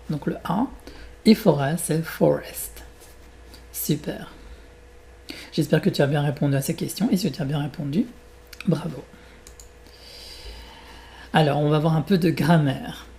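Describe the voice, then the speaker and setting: A man with a French accent, teaching French by reading a fairy tale aloud and then walking learners through exercises slowly and deliberately. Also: on the high side, creaky, warm tone.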